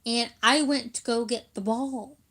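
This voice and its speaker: Giggling often, a young woman vlogger shares stories from her childhood in a casual chat with viewers, using plenty of fillers. She speaks a little slowly in a steady, somewhat bright voice on the high side.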